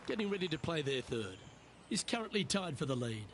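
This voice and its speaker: Golf commentator for a video game, upbeat but composed, outdoor ambience pretty noticeable. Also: male voice, fairly high pitch, sing-song, fairly quick, fairly bright tone, some chatter behind. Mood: measured, engaged. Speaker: golf commentator, lead announcer. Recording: outdoor ambience noise behind voice.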